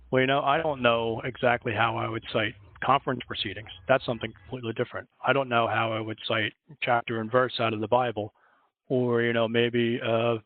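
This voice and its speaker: A man's voice: medium pitch, dry recording. A man with a Philadelphia accent, a librarian giving a chatty, rambling workshop presentation on a video call. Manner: chatty, rambling, self-correcting. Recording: dry, tinny phone-like audio.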